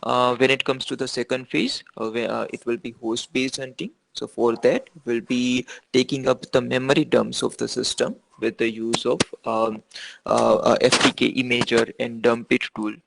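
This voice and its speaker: A man's voice: mid-range voice, level tone, moderate pace, gravelly, fairly bright tone, a little hiss or hum, low-quality recording. A man teaching an online class over a video call, answering questions with many fillers and restarts. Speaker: instructor.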